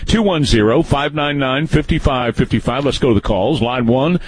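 Man in his sixties, talk radio host, husky tone, rambling folksy delivery with restarts. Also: mid-range voice, moderate pace, poor audio. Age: 60s. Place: radio studio.

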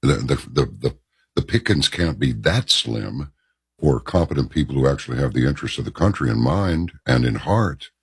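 A man's voice: rumbling low, big pitch swings, normal speed, vocal fry, breathy edge, dry recording, clean studio sound. A man hosting a political interview, asking long rambling questions with stammers. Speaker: host.

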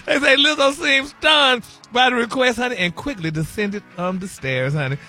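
On morning radio, a male host who regularly does the celebrity gossip segment plays a sassy, campy, high-voiced diva, calling listeners honey and baby. He drawls, breaks into giggles and sounds flamboyant and gossipy. His delivery is heavily acted, bright and forceful, at normal speed.

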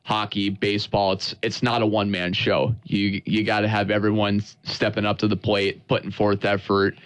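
An American sports broadcaster appears as a guest in a radio interview, speaking in a fairly low, clear, resonant voice with a level tone. He's earnest and conversational but halting, often doubling back on repeated words, and the recording has no room sound.

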